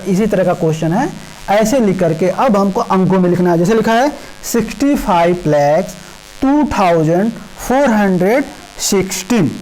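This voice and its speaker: A woman teaching a primary school math lesson, explaining place values slowly and repeatedly checking in with the children. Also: mid-range voice, a little mellow, rough recording. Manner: slow, repetitive explaining with frequent "ठीक है" checks. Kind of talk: class 5 math lesson in Hindi with English number words.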